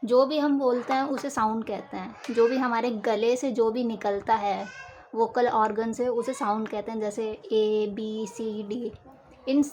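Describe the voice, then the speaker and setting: A woman teaching a lecture for exam preparation, explaining slowly with examples and repeating key terms. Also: a little high, steady tone, darkish tone, slight background noise, rough recording.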